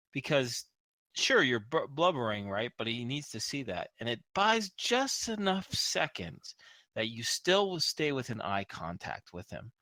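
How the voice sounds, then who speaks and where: A man's voice: on the high side, pushed and bright, no echo. A man acting as game master, narrating and refereeing a tabletop role-playing game in a conversational, explanatory way.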